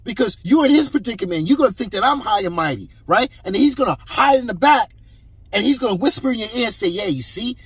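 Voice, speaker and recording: A man's voice: very high-pitched, animated, fast talker, husky, no room sound. A man giving heated, preachy commentary on a clip, emphatic and repeating himself.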